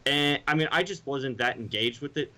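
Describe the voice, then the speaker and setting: A man's voice: mid-range voice, moderate pace, bright, forceful tone, poor audio. A man co-hosting a podcast, chatting casually and rambling with restarts. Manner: rambling, with restarts and mimicked sounds. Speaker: podcast co-host. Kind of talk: casual chat.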